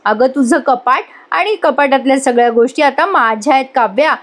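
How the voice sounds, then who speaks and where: A woman's voice: high voice, moderate pace, lightly acted. A woman reading the quoted lines of a cheeky, spoiled youngest sister, in a pert and sulky manner.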